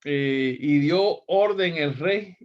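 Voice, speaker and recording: A man's voice: a little high, drawn-out words, muffled recording. A man teaching a Bible class, reading scripture aloud and explaining it, often checking in with "¿verdad?".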